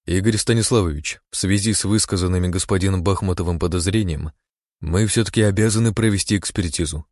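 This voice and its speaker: A man's voice: low-pitched, fast talker, darkish tone, no room sound, studio quality, natural voice. A man voicing a stern, correct male official.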